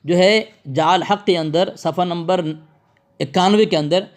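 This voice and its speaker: Over a phone call, a religious debater argues polemically in a combative, abusive, lecturing manner, repeating phrases for emphasis. His voice sits high and he speaks a little slowly.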